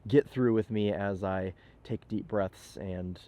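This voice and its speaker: A young reviewer with a cold talks about a car in a lowish, dark, steady voice at a slow pace, sounding slightly nasal and stuffy. Upbeat, chatty, and full of fillers, his casual walkaround moves from a parking lot outdoors to the car's interior.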